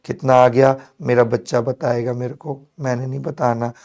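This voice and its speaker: A hoarse man teaching chemistry in a live online class, playful and coaxing as he works through problems with his students. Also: mid-range voice, flat delivery, normal speed, darkish tone. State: hoarse, strained throat.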